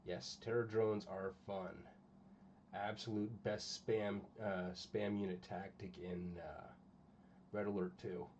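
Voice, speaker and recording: Low-voiced man chatting while crafting. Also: level tone, takes it slowly, darkish tone, slight background noise. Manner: rambling, distracted, talking to stream chat. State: has the hiccups. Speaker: channel host. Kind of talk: casual chat while painting miniatures.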